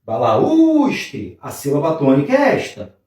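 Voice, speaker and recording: A man with a high, lively voice walks through a grammar rule methodically, asking himself each question and answering it. He sounds set back from the mic in a very echoey room, with faint music underneath. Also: normal speed, distant mic. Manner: methodical, asks and answers his own questions. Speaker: Portuguese teacher. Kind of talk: grammar lesson at a board.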